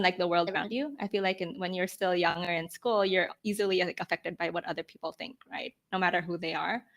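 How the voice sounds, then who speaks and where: In this interview, a roughly twenty-year-old woman from the Philippines, a startup founder guesting on a podcast, reflects informally. Her voice is medium-pitched and a bit bright, with frequent "like" and "you know".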